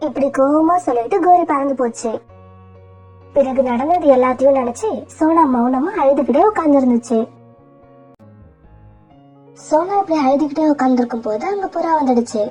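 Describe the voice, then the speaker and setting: A woman's voice: high-pitched, normal speed, pauses often, mellow, faint music behind. A woman narrating a children's cartoon story in a plain storytelling way.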